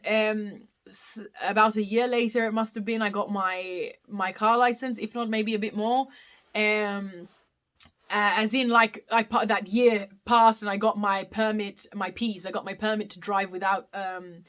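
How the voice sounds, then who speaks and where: Speaking in a mid-range, slightly bright voice, the young live stream host answers questions in a loose, rambling chat. Her accent is Australian with a faint British tinge, and she often says um and corrects herself.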